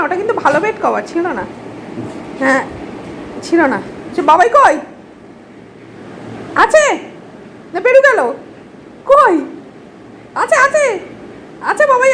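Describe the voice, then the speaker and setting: High-pitched woman baby-talking to her dog. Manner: coaxing baby talk to a dog, repeats words over and over. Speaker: dog owner filming her pet. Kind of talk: casual home video chat with her dog. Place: home, indoors. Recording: noisy home recording with traffic outside.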